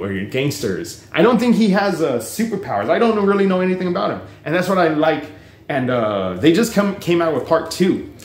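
A man's voice: a little high, roomy sound. A man vlogging casual, rambling commentary on books and the news, full of fillers, restarts and swearing. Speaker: book reviewer vlogger.

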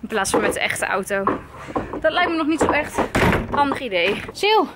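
A woman's voice: high voice, sing-song, normal speed, heavy background noise. A woman in her twenties filming a family vlog, coaxing her toddler in a sing-song way and laughing often. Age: 20s. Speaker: family vlogger and mother. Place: at home and outdoors on the street.

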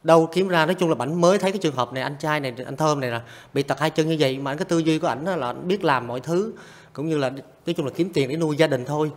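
A man's voice: a little high, racing. A man hosting a vlog interview, encouraging his guests and backing them up with frequent short replies. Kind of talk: casual interview.

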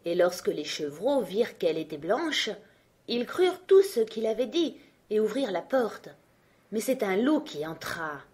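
A woman narrating a fairy tale for a children's audiobook, in an expressive, clear storytelling way. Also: mid-range voice.

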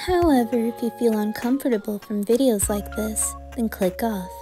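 A woman's voice: fairly high pitch, moderate pace, music in the background. A woman giving a scripted introduction as the creator of an ASMR video.

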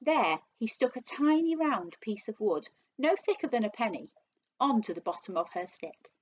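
A teacher reading a children's book aloud to her class, with expressive storytelling. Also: a little high, normal speed, muffled recording, slight background noise.

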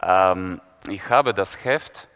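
A man playing a brooding boy in a stand-up story, speaking slowly in a low mumble with halting pauses. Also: fairly bright tone, clear, resonant tone, full character voice. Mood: murky, deadpan.

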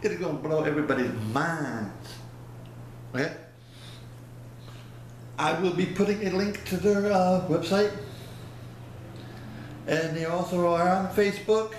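A middle-aged vlogger with a somewhat high voice rambles through a casual product review into a webcam at close range. He's unhurried and folksy, pausing often and losing his words, in a small, very echoey room by a plain wall with faint hiss.

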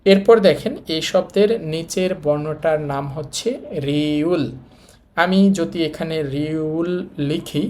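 A man's voice: a little high, a little mellow, slight background noise. A man with a Bangladeshi Bengali accent teaching a language lesson, walking viewers through each letter patiently and repeating key points as he writes them out. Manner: patient, repetitive, addresses viewers directly. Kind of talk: step-by-step lesson explanation.

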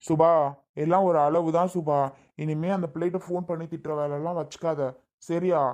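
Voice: medium pitch, little pitch movement, normal speed, a little mellow, lo-fi sound, voice pushed down, natural voice. A performer voicing a stern middle-aged father who gives curt orders to his daughter in a family drama skit. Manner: curt, commanding.

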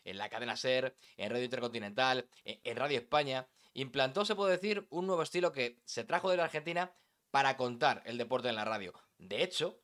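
Man giving a narration lesson, dramatic emphatic delivery, middle pitch, speaks directly to the student. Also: a little fast, a bit bright. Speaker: sports narration teacher. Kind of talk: instructional voice-over lesson.

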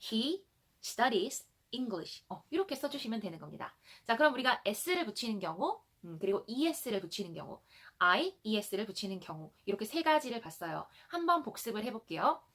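A young woman teaching an online English grammar lesson in Korean, explaining step by step and reading example sentences slowly for learners to repeat. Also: mid-range voice, big pitch swings, fairly bright tone.

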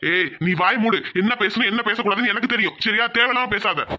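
A man's voice: sits high, quick pace, bright, forceful tone, slight background noise. A man voicing a furious village landlord father. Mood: angry. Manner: scolding, domineering. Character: proud angry village landlord father, middle-aged.

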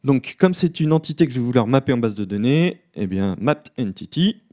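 A man giving a live coding talk at a conference, relaxed and self-deprecating, with many fillers. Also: mid-range voice, a little fast. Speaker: conference speaker. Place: conference room.

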